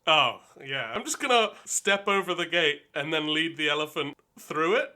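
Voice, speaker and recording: A man's voice: fairly high pitch, lively intonation, normal speed, sharp tone. A man playing in an improvised tabletop role-playing game, with playful, chaotic energy. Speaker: player. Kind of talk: in-character improv play.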